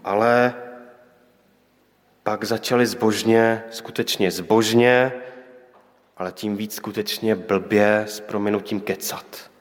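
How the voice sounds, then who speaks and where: A man's voice: on the low side, steady tone, pauses often. A man preaching a sermon, reflective, with pointed rhetorical questions and quoted voices. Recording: long hall reverb.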